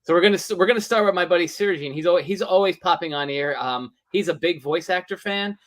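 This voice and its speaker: Guy hosting a live chat, kinda higher voice, easygoing, dry sound. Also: fast talker, no echo. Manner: relaxed, affirming listener, reads viewer questions. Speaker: interview host. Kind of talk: casual interview chat.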